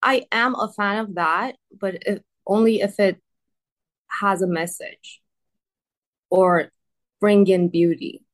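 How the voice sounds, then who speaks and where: An artist guest from Iran, a native Persian speaker, answers interview questions slowly, with long pauses, in a medium-pitched voice with fairly even intonation. She is hesitant, laughs often, and says "like" and "um" a lot.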